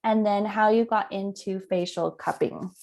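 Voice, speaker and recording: A woman co-hosting a podcast, upbeat, reading announcements and quotes smoothly. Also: medium pitch, steady tone, a little slow, a little mellow. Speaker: podcast co-host. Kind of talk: podcast chat and read announcement.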